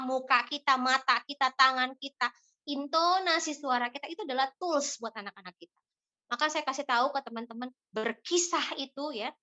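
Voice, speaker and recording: A woman, speaking to an audience of parents about raising children, animated and full of emphatic repetition. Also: high-pitched. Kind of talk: casual talk to an audience.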